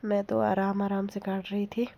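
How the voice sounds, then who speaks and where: A woman's voice: medium pitch, little pitch movement, normal speed, gravelly, heavy background noise. A young woman narrating her day for her vlog in a chatty, rambling way, laughing now and then. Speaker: vlogger.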